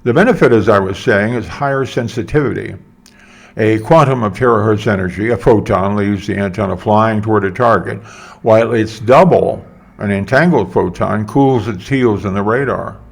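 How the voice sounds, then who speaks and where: A man's voice: fairly low pitch, normal speed, gravelly. An older man voicing an irritated male government engineer explaining things.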